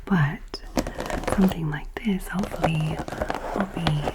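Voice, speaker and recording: A woman chatting informally in a soft, breathy ASMR whisper, gentle and rambling, close to the microphone. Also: low-pitched, a little slow, heavy background noise. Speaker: ASMR video host.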